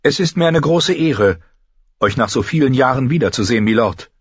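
A man's voice: mid-range voice, animated, husky, dry recording, highs cut off, pitched above the performer's own voice. A man voicing a composed, courteous noble lady, in an audiobook reading. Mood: polite. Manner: measured, polite.

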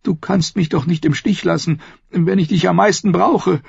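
Cersei, a proud queen as a man voices her in a high voice. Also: normal speed, vocal fry, darkish tone, husky, no echo. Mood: pleading. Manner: pleading, then scornful and biting. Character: desperate proud queen, woman, adult. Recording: dull lo-fi, dry.

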